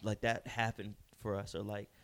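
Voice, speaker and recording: A man's voice: lowish voice, level tone, normal speed. A man in his twenties co-hosting a podcast, talking loosely and laughing often in casual chat. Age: 20s. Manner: laid-back, laughs often, slangy. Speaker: podcast co-host.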